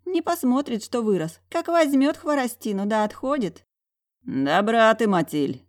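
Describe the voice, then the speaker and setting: A woman's voice: on the high side, lively intonation, a little slow, voice pushed up. A woman voicing a stern old dragoness aunt who scolds and grumbles at her nephew. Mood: scolding.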